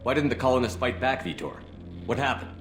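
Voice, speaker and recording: A man playing a calm, fair-minded military commander in a video game, direct and measured in manner. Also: mid-range voice, faint music behind, close to an everyday voice. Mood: reassuring, questioning.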